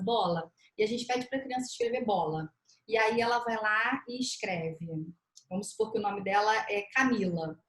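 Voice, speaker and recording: A woman with a Brazilian Portuguese accent, an educator explaining step by step on a panel discussion, animated and acting out parents' reactions. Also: fairly high pitch. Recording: echoey room sound.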